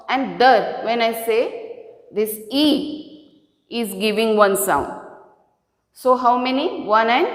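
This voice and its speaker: A woman teaching a grammar lesson, explaining slowly and step by step and repeating herself. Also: fairly high pitch. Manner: slow, repetitive, explaining step by step. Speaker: English teacher. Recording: echoey room with long reverb.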